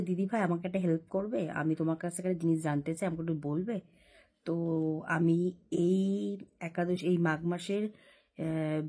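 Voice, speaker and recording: A woman's voice: lowish voice, warm tone, slightly rough. A young woman vlogging casually from her bedroom at night, rambling and explaining at length. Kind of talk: casual chat to camera. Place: home bedroom, lying under a blanket.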